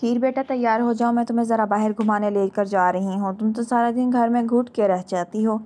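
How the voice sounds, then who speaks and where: A woman's voice: on the high side, steady tone, dark tone, natural voice. A scheming stepmother, as a woman reader puts her on, sugary on the surface and cunning underneath. She is read in a dramatic storybook style. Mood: falsely sweet. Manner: falsely sweet, cunning. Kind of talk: dramatic novel reading.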